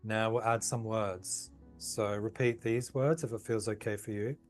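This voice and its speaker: A man with a fairly low voice leads a guided tapping session. He speaks slowly and soothingly, with soft music playing faintly behind him. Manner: calm, slow, soothing guidance. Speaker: tapping practitioner.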